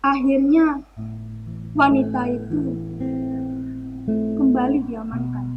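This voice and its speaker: A woman's voice: high voice, fairly even intonation, slow, highs cut off, over loud music. A woman narrating a theatre monologue in a dramatic, declamatory way. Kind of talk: theatrical storytelling in a stage monologue.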